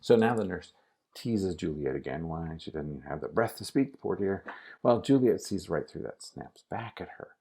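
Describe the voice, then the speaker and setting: Man, acting teacher, husky, casual coaching tone. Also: sits low, expressive, moderate pace, dark tone. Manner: casual instructive, addresses the student directly. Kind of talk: recorded acting lesson.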